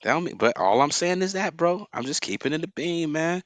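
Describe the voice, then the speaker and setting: Animated podcast man who keeps saying bro. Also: a little high, fairly quick, dry recording. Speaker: podcast co-host. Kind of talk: casual chat.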